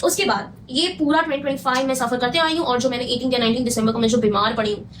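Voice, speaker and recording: Young woman, high pitch, quick storytime delivery, emphatic repeats, faint room noise. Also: fairly even intonation, a bit bright. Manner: emphatic, repeats phrases, mixes Hindi with English. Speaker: vlogger telling her own health story. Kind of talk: casual storytime monologue.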